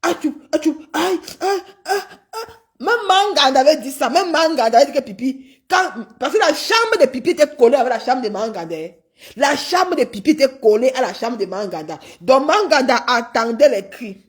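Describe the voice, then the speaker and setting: A high-voiced woman gossips in a mocking rant. She laughs and teases as she talks, drawing out her exclamations. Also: expressive. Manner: laughing, teasing, drawn-out exclamations. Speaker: online gossip streamer.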